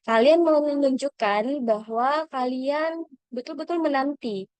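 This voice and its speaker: A woman's voice: high-pitched, measured pace, darkish tone, dry recording. A woman mentoring scholarship applicants in an online lesson, speaking encouragingly to the audience with frequent fillers and self-corrections.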